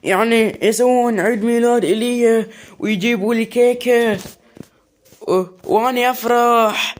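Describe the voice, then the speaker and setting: A man's voice: very high voice, fairly even intonation, moderate pace. A man with an Iraqi Arabic accent acting out an improvised comic skit in several roles, hesitating and repeating his words. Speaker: comedy skit performer narrating game play. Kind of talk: improvised comic role-play skit, voicing several characters.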